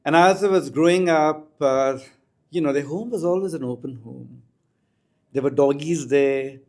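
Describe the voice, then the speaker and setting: A man's voice: a little high, normal speed, darkish tone. A middle-aged man with an Indian accent, reflectively telling personal anecdotes as an interview guest in an articulate way. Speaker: podcast guest, school educator.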